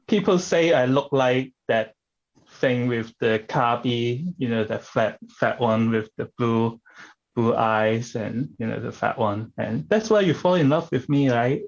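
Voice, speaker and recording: Slow, halting man doing improv. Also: medium pitch, highs cut off. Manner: halting, searching for words. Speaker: improv comedy performer. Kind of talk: improvised comedy scene on stage.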